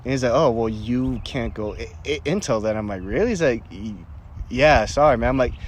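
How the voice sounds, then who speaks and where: Speaking a little fast in a mid-range, slightly mellow voice, this young Marine veteran from Canada shares stories in a relaxed interview. Frequent laughter, lots of fillers and restarts, and acted-out quoted voices mark his delivery.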